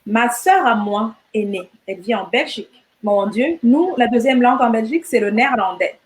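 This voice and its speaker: On the high side with lively intonation and a moderate pace, a middle-aged Rwandan woman chats animatedly as a guest entrepreneur in an easygoing interview. She tends to repeat words whenever she restarts a sentence.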